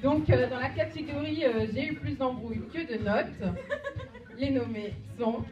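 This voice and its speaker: A young woman presenting an award at a school ceremony, reading the category with hesitant pauses. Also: high voice, darkish tone. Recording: distant dull sound in an echoey hall, crowd and music. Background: crowd and music.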